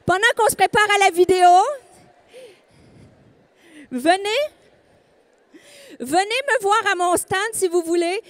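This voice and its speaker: A woman's voice: extremely high pitch, animated, measured pace, long pauses. A woman from Quebec with a Québécois accent, leading a women's conference and rousing the crowd with calls and cheers. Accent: Québécois French. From Quebec, Canada. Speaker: women's ministry leader, speaker. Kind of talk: conference sermon.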